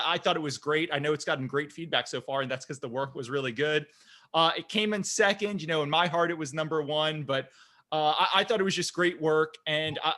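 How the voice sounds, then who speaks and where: A man hosts a podcast in an upbeat, chatty way, his voice somewhat high and bright. He often doubles his words as he sets up questions for his guests. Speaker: podcast host. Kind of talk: casual interview talk.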